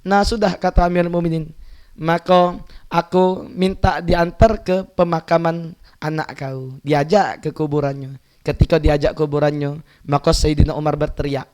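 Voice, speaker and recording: A male preacher with a Palembang Malay accent tells a story from the pulpit. His voice is high and his delivery is animated, and he slips into the characters' voices as he goes. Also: moderate pace, clean tone. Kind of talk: sermon storytelling. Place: mosque gathering.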